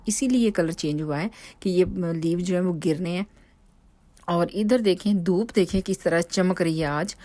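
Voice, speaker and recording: A woman in her thirties from Pakistan, speaking, narrates her home vlog. She talks in a loose, chatty way, full of fillers and restarts. Her voice sits a little low, and the recording is dry and close. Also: darkish tone, no room sound. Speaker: home vlogger. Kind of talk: casual voice-over narration.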